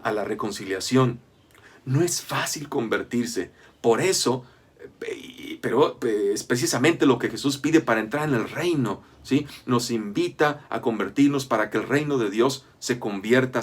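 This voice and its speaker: A man's voice: mid-range voice, husky. A man giving a Bible study lecture, explaining step by step and often checking in with his listeners. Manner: lists many items one after another.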